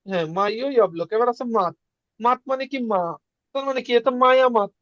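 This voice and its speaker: A man teaching a casual beginner lesson, repeating words slowly for learners. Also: extremely high pitch, fairly bright tone, dry recording, dull audio. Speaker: Russian language teacher.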